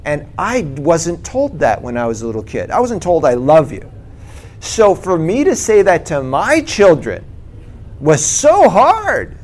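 A man's voice: a little high, huge pitch swings, measured pace, darkish tone. Chatty man sharing his own testimony. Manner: keeps checking in with "right?" and "okay?". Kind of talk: personal testimony, conversational.

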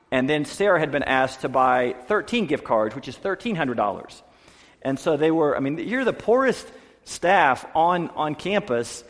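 A middle-aged male preacher with a somewhat high voice tells a personal story from the pulpit in an easy, conversational manner. His voice climbs when he gets worked up. The sound carries a long hall reverb. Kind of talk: sermon story.

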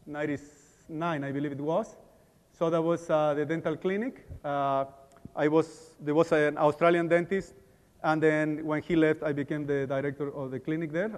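A man from Argentina, a Spanish speaker by birth, talks in a hall with a fairly high, slightly mellow voice. He's a dentist presenting a conference talk with prayer, speaking haltingly with many fillers and restarts, and the hall echoes.

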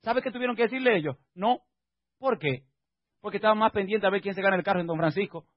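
Pastor guy preaching, pretty high husky voice, gets loud and pushy, kinda dull dry recording. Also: racing, dry recording. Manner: rising to emphatic exhortation; rhetorical questions to the congregation. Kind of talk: sermon.

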